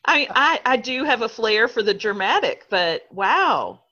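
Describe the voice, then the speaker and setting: A woman's voice: on the high side, very animated, measured pace, sharp tone, muffled recording. A woman co-hosting a casual chat, laughing often and poking fun at herself. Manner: chatty, laughs often, self-deprecating. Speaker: podcast co-host.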